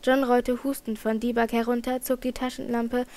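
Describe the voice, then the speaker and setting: A woman reading a children's adventure novel aloud in even narration, with occasional slips she corrects. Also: a little high, normal speed. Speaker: audiobook reader.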